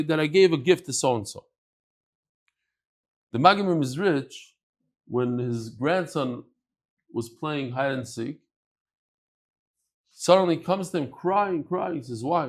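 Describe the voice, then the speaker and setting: A man teaching a Talmud class with a lively, swooping voice that sits a little high for a man. He slips Aramaic and Hebrew terms into his English and asks questions, then answers them himself. He acts out the speakers in the text with plenty of animation.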